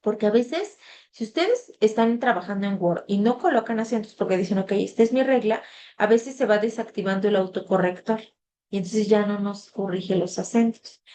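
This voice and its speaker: A woman's voice: mid-range voice, normal speed, a little mellow, slight background noise. A woman leads an online class as a tutor. She talks in a loose, conversational way and leans on fillers as she goes. Her voice comes through a video-call microphone. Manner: conversational, reads the chat aloud, filler "este".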